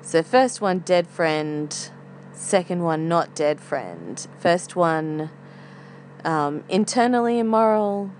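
A woman's voice: on the low side, animated, slow pace, darkish tone. A woman podcast host thinking aloud in a casual, reflective monologue, with some hesitancy as she feels for words. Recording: faint air conditioner hum. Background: humming air conditioner.

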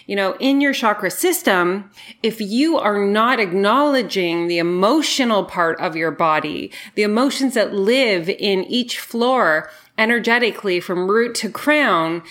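A woman with a medium-pitched voice talks as a podcast host. Her delivery is effusive and informal, with emphatic phrasing in a conversational, storytelling monologue. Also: fairly bright tone.

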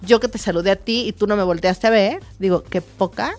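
A woman talks through ideas as a co-host, leaning on everyday examples. She restarts her sentences often and fills pauses as she thinks. Soft music plays faintly under her voice. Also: mid-range voice. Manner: explains with examples, many fillers and restarts. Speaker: therapist co-host. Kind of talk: casual explanatory chat.

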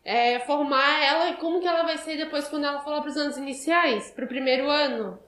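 A woman's voice: sits high, brisk, fairly bright tone. A young woman, a preschool teacher explaining casually with lots of filler words. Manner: explanatory, uses "tipo" and "sabe". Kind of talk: casual chat. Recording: echoey room.

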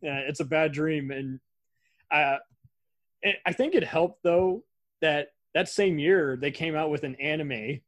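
A man hosting a podcast in casual chat, relaxed and talkative, laughing often. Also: fairly high pitch, unhurried, no echo. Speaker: podcast host.

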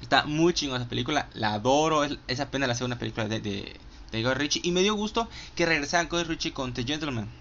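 Bright-voiced Mexican man, profane and enthusiastic. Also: mid-range voice, animated, fast talker, gravelly, highs cut off, slight background noise. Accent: Mexican Spanish. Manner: profane, enthusiastic, many fillers. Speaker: film reviewer. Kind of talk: casual movie countdown monologue.

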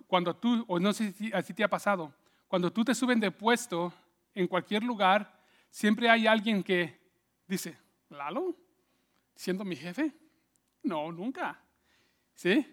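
A man tells stories in a conversational sermon, often checking in with "¿sí?" and acting out the people he quotes. His voice sits high and fairly bright, and he talks a little slowly.

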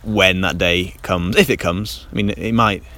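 A man's voice: low voice, fairly even intonation, a little slow, pushed and bright. A man hosting a casual solo podcast, rambling with many ums and restarts, recorded on a handheld dictaphone in a damp garden in light rain. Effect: handheld dictaphone recording outdoors. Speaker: podcast host. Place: damp garden outdoors in light rain, then a covered shelter.

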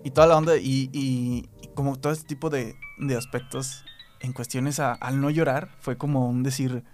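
A man's voice: medium pitch, moderate pace, soft background music. Mexican man hosting a casual chat. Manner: chatty, animated when retelling. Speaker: podcast host.

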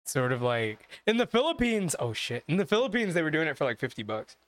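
A man in his thirties co-hosting a podcast, chatting casually, blunt and animated, swearing freely. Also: on the high side, brisk, no echo. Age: 30s. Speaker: podcast co-host. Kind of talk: casual chat.

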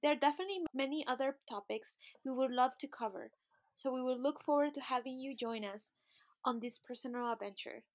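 A woman's voice: sits high, a little fast. A woman in her late twenties, from Peru and raised in Miami, co-hosting a podcast and reading a scripted introduction in an earnest way. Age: late 20s. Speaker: podcast co-host.

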